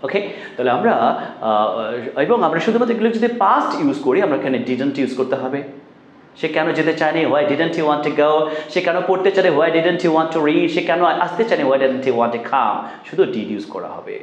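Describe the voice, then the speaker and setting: A man's voice: on the high side, expressive, normal speed, roomy sound, lo-fi sound. A man with a Bangladeshi accent, a native Bengali speaker teaching a spoken English lesson, drilling translations and pleading earnestly with many "uh" fillers.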